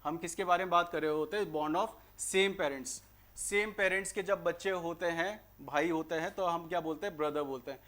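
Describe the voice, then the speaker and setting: A man with an Indian accent teaching an exam-prep grammar lesson, explaining in Hindi and slowly reading out English sentences. He keeps asking rhetorical questions and answering them himself. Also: a little high, steady tone, fairly bright tone. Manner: asks and answers his own rhetorical questions.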